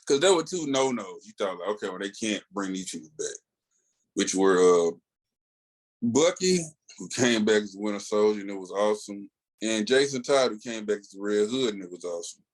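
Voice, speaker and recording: Over poor audio, a Southern-accented man from rural Tennessee talks briskly and expressively in a fairly low voice. As co-host of a comics podcast, he chats casually with animation, telling stories colloquially and voicing the quotes.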